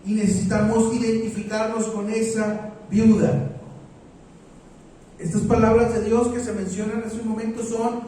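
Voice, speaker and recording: A man preaching a sermon as pastor, slow and deliberate, repeating his phrases. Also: high-pitched, level tone, dark tone, very echoey, recorded from a distance, slight background noise, rough recording.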